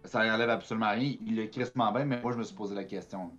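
A man's voice: on the low side, steady tone, quick pace, a bit bright, dull audio, faint music behind. A man with a Québécois accent in casual chat, speaking bluntly and swearing offhandedly. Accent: Quebec French. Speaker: podcast co-host.

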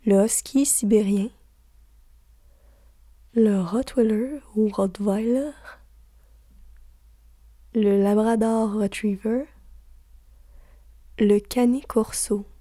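A woman slowly reading out a long list, softly, and slipping into whispered asides. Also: mid-range voice, fairly even intonation, no echo, clean studio sound. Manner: soft, slow, drops to a whisper for asides.

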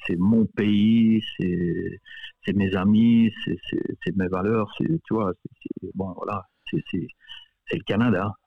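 Man, guest coach, low-ish voice, halting and repetitive, phone-line audio. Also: steady tone, creaky. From Belgium. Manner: hesitant, many repeated words and fillers, laughs often. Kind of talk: casual radio interview.

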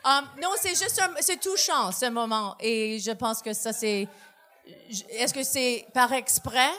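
A woman chatting as a guest comedian on a podcast, effusive and animated, breaking into loud exclamations now and then. Her voice sits a little higher than usual for a woman. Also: slow. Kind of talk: casual podcast chat.

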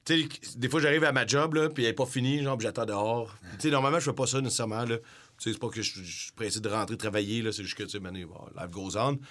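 Young quebec guy rambling about an album, slangy, middle pitch, chill podcast chat. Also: quick pace, fairly bright tone. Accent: Québécois French. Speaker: podcast co-host. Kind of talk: casual chat about music.

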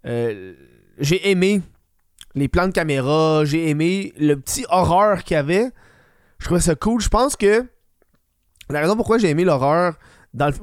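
A man's voice: on the high side, no room sound, clean studio sound. A man with a Quebec French accent hosting a solo podcast in casual, slangy chat, swearing freely and dropping English slang into his French.

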